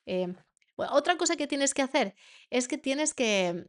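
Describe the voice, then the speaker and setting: A woman's voice: high voice, lively intonation, measured pace. A woman with a Spain Spanish accent, teaching a masterclass to parents as a coach, earnest and repeating words for emphasis.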